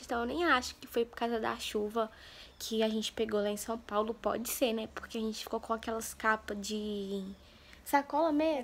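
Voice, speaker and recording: This Brazilian vlogger, a young woman with a fairly high voice, talks to her phone camera at arm's length inside her home, and a little hiss or hum can be heard. Her chat is casual and effusive, full of shout-outs to viewers, and a cold has left her nose stuffy.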